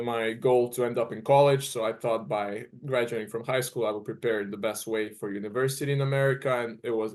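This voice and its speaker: A man's voice: mid-range voice, a little mellow. A young man in his twenties from Serbia, a native Serbian speaker, answering interview questions earnestly and often restarting as he searches for words. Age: 20s. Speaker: guest college tennis player.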